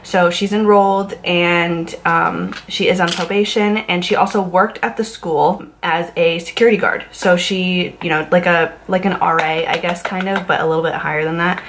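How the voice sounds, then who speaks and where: A woman's voice: fairly low pitch, steady tone, moderate pace, hardly any pauses, a bit bright, slight background noise. A young woman from Massachusetts telling a true crime story to camera in a casual, rambling way, full of likes and you knows. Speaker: YouTube true crime host.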